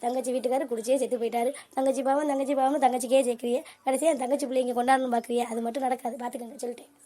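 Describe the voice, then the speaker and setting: Woman doing a naggy cartoon mom, rattles off fast, flat tone, never lets up. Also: high voice. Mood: scolding. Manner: scolding, bickering. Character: nagging middle-aged mother, sharp-tongued and scheming. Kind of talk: cartoon voice acting.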